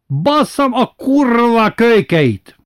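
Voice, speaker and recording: Brief: man putting on a furious red-haired bloke, high-pitched bellowing, dry close sound. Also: sing-song, darkish tone, dry recording.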